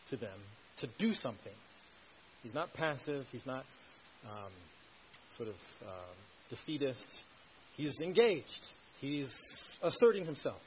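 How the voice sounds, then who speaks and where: A man's voice: mid-range voice, dull audio, slight background noise. A male pastor preaching an earnest sermon, building to emphatic rhetorical questions.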